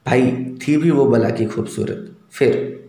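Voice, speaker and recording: A man's voice: mid-range voice, takes it slowly, mellow. A man telling a humorous personal story in a wry, slangy, casual manner. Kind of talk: spoken storytelling. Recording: roomy echo.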